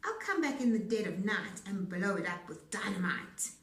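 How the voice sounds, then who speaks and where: A woman's voice: mid-range voice, big pitch swings, normal speed, a bit bright. A woman voicing a sly, greedy, boastful male wolf, gloating and menacing as in a storybook read-aloud. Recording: roomy echo, distant mic.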